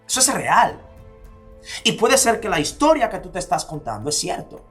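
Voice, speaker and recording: Over soft background music, a Dominican motivational speaker with a Dominican Spanish accent delivers his talk in a high, fairly bright voice with big pitch swings at normal speed. He repeats rhetorical questions rapidly and lowers to near-whispers for emphasis.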